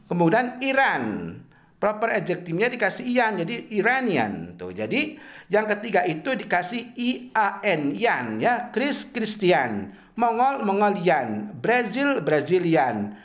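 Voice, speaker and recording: Slow, lively-pitched male lecturer. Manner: slow, repetitive, drills examples one by one. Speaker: English lecturer. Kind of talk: university English grammar lesson.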